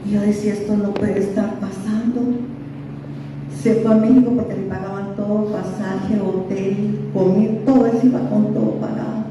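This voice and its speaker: A woman's voice: mid-range voice, steady tone, fairly quick, few pauses, over music. A middle-aged woman from Guatemala, preaching a sermon with passion, telling stories and asking rhetorical questions. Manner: impassioned, storytelling with rhetorical questions. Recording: echoey hall, distant dull mic.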